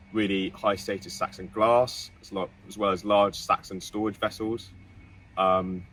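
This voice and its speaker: A man's voice: low-pitched, fairly bright tone. A man, an assistant trench supervisor, walking through the dig in an informed, methodical way. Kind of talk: explaining the dig to camera. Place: outdoor excavation trench. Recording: distant mic outdoors with background noise.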